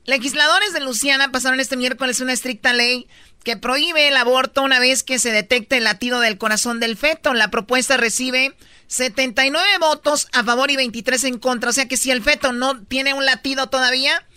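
Bright, smooth radio co-host. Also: female voice, high-pitched, fairly even intonation, normal speed, dry recording. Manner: explains the news in a chatty way. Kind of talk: radio talk segment.

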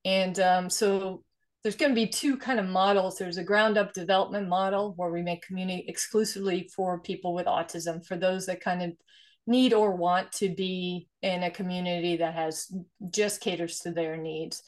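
A woman's voice: lowish voice, fairly even intonation, moderate pace. A woman in her forties from Sweden, a guest explaining her work in an earnest, conversational way and often checking in with "right?". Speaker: guest, investor and nonprofit founder. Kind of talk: conversational interview.

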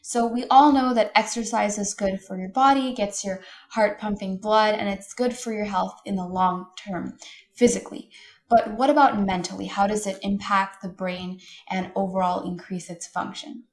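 Bright, curious young female podcast host. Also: medium pitch, fairly even intonation, normal speed. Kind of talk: scripted science podcast hosting.

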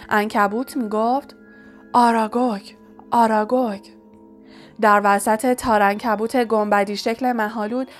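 A woman narrating an audiobook in a steady storytelling manner. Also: a little high. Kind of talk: scripted narration.

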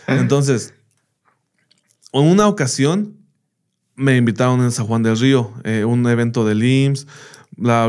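A native English-speaking man, a teacher appearing as a podcast guest, tells anecdotes in a casual interview. He frequently drops in "bla, bla" and "¿me entiendes?" His mid-range voice is clear and resonant.

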